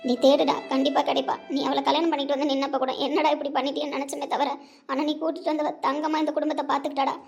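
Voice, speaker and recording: A woman playing a fretful mother, quick and high. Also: level tone, a little mellow, soft background music. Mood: tender. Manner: pleading, scolding, tender. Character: worried middle-aged mother scolding her grown son. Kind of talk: web series drama acting.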